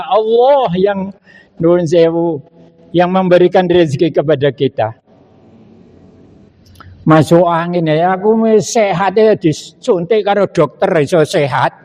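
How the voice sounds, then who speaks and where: An older man preaching a sermon with a Javanese accent, telling stories slowly and reciting Arabic verses. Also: sits high, dark tone. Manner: slow storytelling, mixing Javanese phrases and Arabic recitation.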